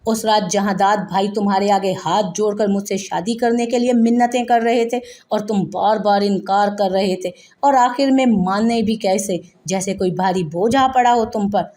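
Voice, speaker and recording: A tearful, defiant young wife, as a woman storyteller reads her lines. She sobs and pleads but holds her ground, in a mid-pitched voice typical for a woman. A dramatic audiobook romance scene. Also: normal speed, hardly any pauses, dark tone, natural voice. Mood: bitter. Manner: sobbing, pleading yet firm.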